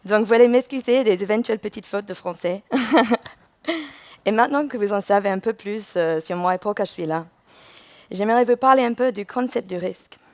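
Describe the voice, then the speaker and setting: A woman from England, a native English speaker with an English accent, gives a prepared conference presentation as a user researcher. Her voice is medium in pitch, her pace normal, and the recording dry.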